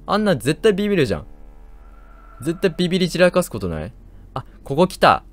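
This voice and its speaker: A man commentating a horror game as he plays, talking to himself, joking and yelping loudly when startled. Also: on the high side, huge pitch swings, a little fast. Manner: jumpy, loud startled outbursts and joking complaints; talks to himself while exploring. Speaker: gameplay commentator.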